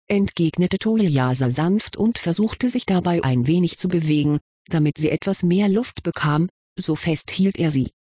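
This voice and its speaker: A narrator reads a story aloud with an even, measured delivery. The voice is husky and breathy at a middle pitch. The recording is dry and close. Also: no echo. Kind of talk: audiobook reading of a story.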